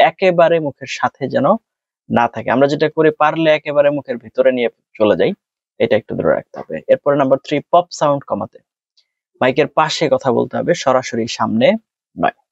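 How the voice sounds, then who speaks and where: A man's voice: mid-range voice, a little mellow, no room sound. A man with a Bangladeshi accent, an exam tutor explaining tips step by step and mixing in English terms. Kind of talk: spoken tutorial. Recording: dull, dry sound.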